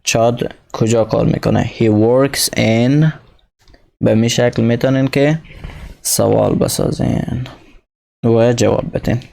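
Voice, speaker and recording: Man, English teacher, gravelly, mellow tone, slow English examples, quick explanations. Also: mid-range voice, steady tone. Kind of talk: recorded lesson explaining a textbook.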